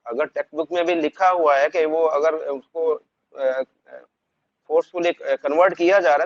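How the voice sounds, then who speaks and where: A man, speaking earnestly and in a measured way, with frequent hesitations. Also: fairly high pitch, muffled recording. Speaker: guest from Pakistan. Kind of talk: conversational discussion.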